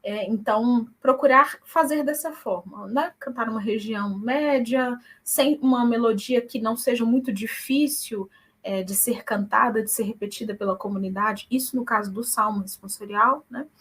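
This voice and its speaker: Young woman guest, earnest conversational tone, tag questions, high bright voice. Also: moderate pace, husky. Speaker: guest, church singer. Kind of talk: conversational interview.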